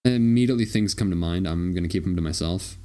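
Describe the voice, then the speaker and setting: A man casually joking through a movie commentary, crude and rambling, breaking into quick explainer asides. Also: sits low, dark tone. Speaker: commentary track host.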